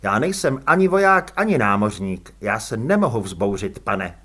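A man reads as an unshakable watch sergeant. He speaks quietly but very clearly and firmly. The voice is bright, a little husky, and lively in pitch. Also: exaggerated voice. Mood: firm calm. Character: calm, steely middle-aged male watch sergeant.

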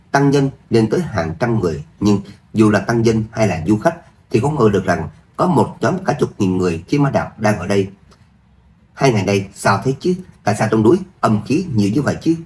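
Man, low voice, audiobook story narration, steady even reading. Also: a little hiss or hum.

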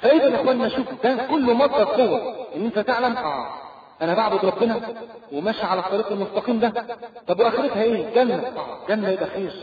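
A man with an Egyptian Arabic accent preaching a sermon, telling a story in animated colloquial speech and acting out its dialogue. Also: sits high, racing. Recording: echoey hall over a tinny lo-fi line.

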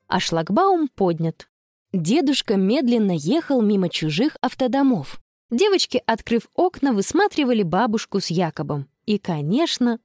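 A woman narrating a children's storybook in an expressive storytelling manner. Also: mid-range voice, no echo, clean studio sound. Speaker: audiobook narrator.

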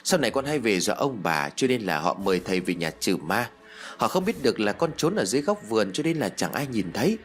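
A man's voice: lowish voice, very animated, fast, faint music behind. A man voicing the ghost of a young boy who is bitter and vengeful, with a sulky, childish, reproachful way of talking. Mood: resentful.

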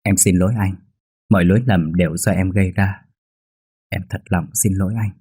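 A man voicing a remorseful young woman in a narrated ghost-story reading, speaking softly and pleadingly. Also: low voice, fairly even intonation, moderate pace, breathy edge, no echo, clean studio sound.

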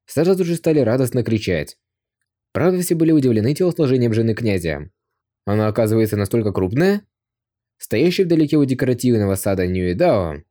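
A man reading an audiobook aloud as scripted narration, expressive, lifting his voice for shouted lines. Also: on the low side.

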